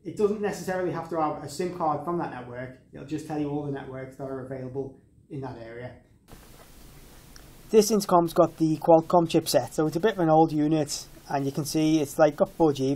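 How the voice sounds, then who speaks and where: He's a man in his thirties giving a relaxed tech product demo, explaining in a straightforward manner. His warm voice leans high, and his pace runs a little fast.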